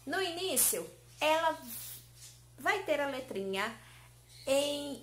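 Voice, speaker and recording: A woman teacher giving a lesson to small children, in a sing-song way, stretching key words slowly and coaxing answers with questions. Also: high voice, sharp tone, slight background noise. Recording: roomy echo.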